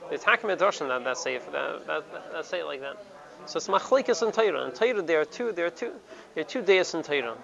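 A man's voice: fairly high pitch, expressive, fast talker, vocal fry. A man teaching a Torah lesson, stopping and repeating words and mixing Hebrew terms into his English. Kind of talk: Talmudic study lesson. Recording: dull lo-fi recording with crowd behind. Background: crowd noise.

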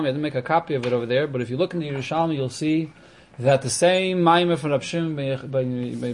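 A man explaining religious texts in an informal lesson, posing questions and answering them as he goes. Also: a little high. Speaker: teacher of a Talmud class.

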